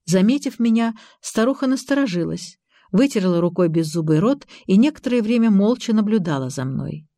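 A woman reading a novel aloud as an audiobook narrator, in calm, measured scripted narration. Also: mid-range voice, no echo, clean studio sound.

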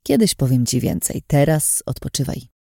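A caring, brisk young woman, as a woman puts her on in an audiobook, pitched higher than the narration. Her tone stays mellow and soft-edged, recorded dry and close. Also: sing-song, gravelly, husky, dry recording, full character voice.

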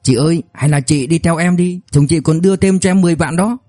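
A man's voice: on the high side, quick pace, mellow, no room sound, studio quality, soft background music, pitched above the performer's own voice, close to an everyday voice. A man voicing a cheeky young debt collector who whimpers as he speaks. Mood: whimpering. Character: young male debt collector, whining after a slap.

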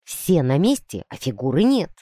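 A woman reading a storybook voicing a rough, sullen teenage boy who leads a gang and barks orders gruffly. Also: deep voice, very animated, normal speed, dark tone, dry recording, clean studio sound. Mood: grumbling.

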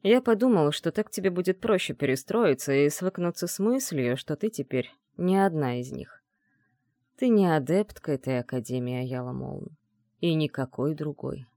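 A man voicing an arrogant male mage mentor who taunts in a calm, low, mocking tone, in an audiobook. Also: moderate pace, no room sound, clean studio sound. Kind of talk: audiobook dialogue reading.

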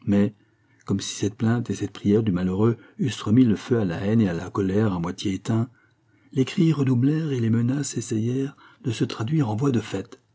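A man reading a classic novel aloud in a dramatic, measured narration. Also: lowish voice, mellow, slightly rough. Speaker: audiobook reader.

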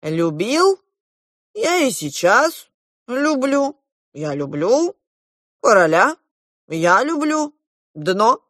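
A woman's voice: a little high, sing-song, extremely slow, pauses often, a bit bright, no echo, clean studio sound, pitched above the performer's own voice, full character voice. A woman reading a storybook aloud and voicing a bad-tempered goose pilot who barks out announcements. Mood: gruff. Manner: barked announcements.

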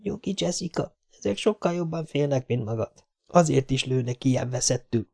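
A man's voice: mid-range voice, lively intonation, creaky, a little mellow, pitched above the performer's own voice. A man voicing a tough male commando who answers his besiegers with sarcastic defiance. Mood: hushed. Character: tough, wry male commando under siege.

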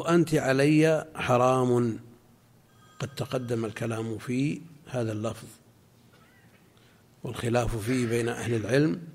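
A man teaching a class as a religious scholar, explaining a legal text in a measured way and answering students' questions. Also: mid-range voice, gravelly, darkish tone, slightly rough.

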